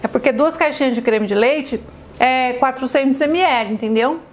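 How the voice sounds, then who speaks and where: At a normal speed and in a high-pitched voice, a cooking show host with a Brazilian Portuguese accent chats through a kitchen demonstration. She's exclamatory and effusive, speaking fondly to her viewers, with a little hiss or hum in the background.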